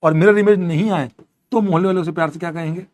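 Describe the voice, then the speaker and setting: High-voiced man teaching chemistry. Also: fast. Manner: repeats questions, quizzes students, animated. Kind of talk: classroom lecture.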